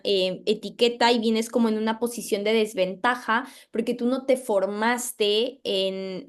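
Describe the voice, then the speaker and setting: Young Mexican woman, thoughtful and measured. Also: mid-range voice. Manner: measured, thoughtful explanations with frequent fillers. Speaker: medical resident, interview guest. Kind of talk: casual interview answers.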